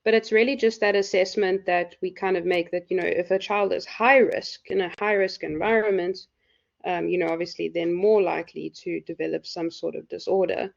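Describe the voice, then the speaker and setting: A woman lecturer with a hoarse, croaky voice, explaining loosely with lots of fillers in a live university class. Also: on the low side, fairly even intonation, normal speed. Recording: dull lo-fi recording.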